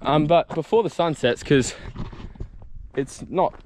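A man's voice: a little high, measured pace, darkish tone, slight background noise. A young Australian man from South Australia, vlogging casually and jokily with lots of ums while out on bush bike trails. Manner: chatty, rambling, jokey with lots of ums. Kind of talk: casual vlog chat.

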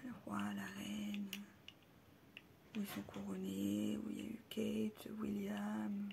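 A woman casually showing off souvenirs she bought on a trip, hesitant, with many pauses and fillers, and often dropping into soft half-whispers. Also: mid-range voice, monotone, gravelly, slight background noise. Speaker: vlogger showing a shopping haul. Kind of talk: casual haul video.

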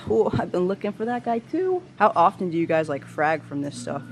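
A woman's voice: on the low side, sing-song, a little fast, noisy background. A woman vlogging a store tour, chatting casually with slangy, enthusiastic exclamations. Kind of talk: casual vlog chat with slangy reactions. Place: indoor aquarium store room full of tanks. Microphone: handheld camera mic, close to the speaker.

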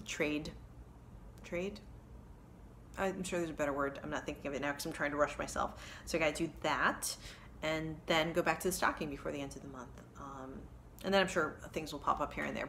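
Low-pitched and fairly bright, the voice belongs to a woman in her thirties vlogging about cross-stitch indoors, amid her kids' toys in the living room. Shot on a phone camera at arm's length with a touch of hiss or hum, her talk meanders with many ums and corrections.

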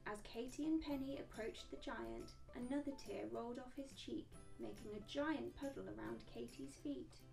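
A woman reads a children's picture book aloud in a gentle, expressive storytelling voice. Her tone sits fairly high with a gravelly edge, and she sounds set back from the mic. Soft music plays faintly behind her. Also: normal speed, hardly any pauses, far from the mic.

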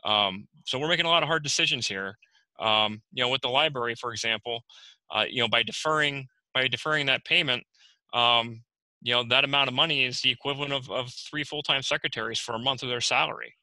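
A man, the borough manager, reporting at a virtual council meeting, halting with many fillers and restarts. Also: mid-range voice, sharp tone, no echo, low-quality recording. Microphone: video call.

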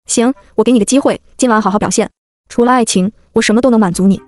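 A woman's voice: a little high, quick pace, no room sound, lightly acted. A woman voicing a drunk, arrogant young male CEO in an audio novel, with a domineering, smug manner.

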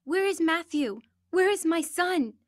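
A woman's voice: lively intonation, a little slow, no room sound, studio quality. A woman reading an audiobook, voicing an injured young mother who cries out in panic after a car crash. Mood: frantic. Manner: crying out, high and pleading.

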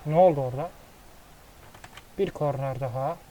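Excitable man calling a football game. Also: mid-range voice, moderate pace, slight background noise, poor audio. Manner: excitable play-by-play, swears casually. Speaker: gaming commentator. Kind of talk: casual football game commentary.

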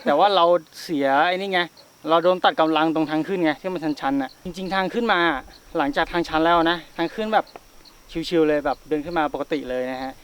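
A man's voice: on the high side, fairly quick, clean tone. A young man hosting a casual travel vlog outdoors on a mountain trail, chatty and joking, out of breath from the climb. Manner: chatty, joking, swears with friends. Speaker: travel vlogger.

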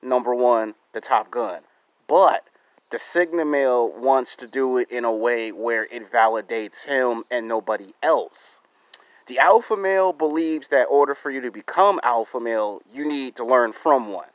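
A man's voice: medium pitch, normal speed, no echo. Dull-sounding American man vlogging outdoors. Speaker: YouTube vlogger. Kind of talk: monologue to camera for subscribers. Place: outdoors in a residential yard. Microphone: phone held close to the face. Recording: dull, lo-fi phone audio.

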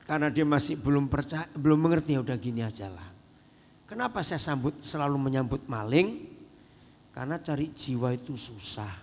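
A middle-aged male pastor preaching a sermon in a lively way, peppering the congregation with rhetorical questions. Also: mid-range voice, a little hiss or hum. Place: church hall. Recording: reverberant church hall.

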